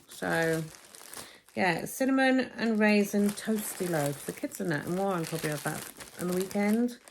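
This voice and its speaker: Filmed as a phone video, a woman unpacks her shopping and chats to camera in a casual haul vlog. Her voice is medium in pitch, with slight background noise.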